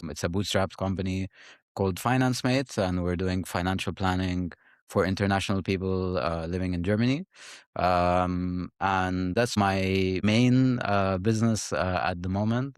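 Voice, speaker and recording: A man's voice: low voice, smooth, no room sound, clean studio sound. A man in his thirties from Egypt, a startup founder giving thoughtful, conversational interview answers with frequent fillers and restarts.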